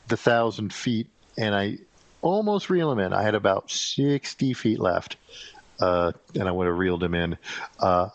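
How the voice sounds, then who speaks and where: A middle-aged man talking in a casual, rambling solo monologue, halting often with fillers and restarts. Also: on the low side, no echo. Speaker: podcast host rambling solo. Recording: dull, dry lo-fi recording.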